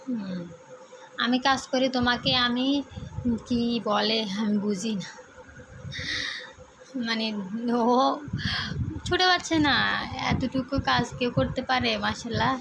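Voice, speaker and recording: Woman, high voice, affectionate coaxing mother, casual home vlog, faint background hiss. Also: a little slow, pauses often, a bit bright. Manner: affectionate, coaxing baby-talk to child. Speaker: mother vlogging with her small son. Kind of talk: casual home vlog, talking to child and viewers. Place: home, bedroom.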